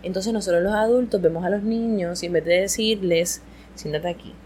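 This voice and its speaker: A woman talks through an educational podcast episode. She explains things in a conversational, expressive way. Her pitch sits in a middle range, with a faint hiss underneath. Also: brisk, poor audio. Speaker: podcast host.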